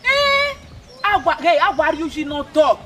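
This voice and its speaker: A stern traditional elder with an Edo Nigerian accent, lecturing in insistent, repetitive pidgin. Her voice sits very high and sounds bright and sharp. She speaks as a middle-aged woman in a Nollywood film. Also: sing-song, unhurried, exaggerated voice. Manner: mixes pidgin and local words, insistent and repetitive. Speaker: elder advising a young wife.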